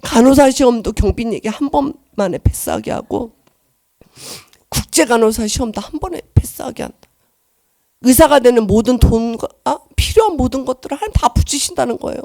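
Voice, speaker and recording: A middle-aged woman giving an emotional church testimony, earnest and shifting between soft and loud. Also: a little high, lively intonation, a little fast, no echo, clean studio sound.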